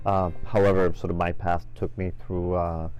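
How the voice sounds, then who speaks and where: A middle-aged man from Venezuela, a franchise business owner answering interview questions in a measured way, with many fillers and restarts. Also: low voice, flat delivery, a little mellow, dull audio, faint music behind.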